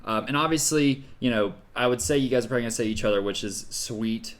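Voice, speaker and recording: A man hosts a relaxed podcast conversation. He keeps things moving with quick interjections and upbeat questions for his guests. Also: mid-range voice. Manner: chatty, quick interjections and encouraging replies. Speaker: podcast host. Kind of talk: casual podcast chat.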